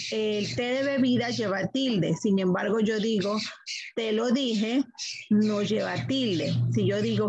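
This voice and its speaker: A woman's voice: medium pitch, darkish tone, rough recording. A middle-aged woman teacher giving a classroom grammar lesson, asking the class questions and answering them herself.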